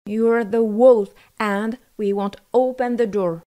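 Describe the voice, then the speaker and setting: A woman voicing a group of young goat kids in a storybook, firm and loud in their refusals. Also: on the high side, steady tone, slow. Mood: defiant. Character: seven little goat kids, young, defiant.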